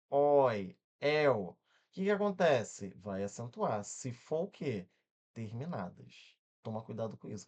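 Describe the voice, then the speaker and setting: Brazilian male tutor, animated swooping delivery, punchy quick check-ins, breaks words into syllables. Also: mid-range voice. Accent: Brazilian Portuguese. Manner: energetic, checks in often with quick questions. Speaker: exam-prep grammar teacher. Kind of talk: online exam-prep lesson.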